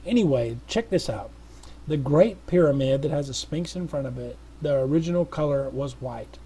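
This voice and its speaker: A middle-aged missionary makes an appeal video, talking casually to viewers in an earnest, rambling way with lots of restarts and fillers. His voice is fairly high and warm with a breathy edge, lively in intonation and normal in speed.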